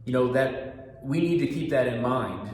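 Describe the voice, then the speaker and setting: A man's voice: mid-range voice, measured pace, slight background noise. Earnest middle-aged man in an echoey room. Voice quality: fairly monotone, steady and earnest. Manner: talks through a mask, patient and repetitive. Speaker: restaurant manager giving staff orientation. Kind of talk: training talk. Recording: very echoey room with long reverb.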